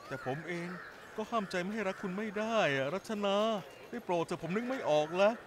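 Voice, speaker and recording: A remorseful young father in a dubbed TV drama, begging the woman he loves for forgiveness. His voice sits high for a man, earnest and pleading throughout. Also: lively intonation, fairly quick, noisy background. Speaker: dub actor.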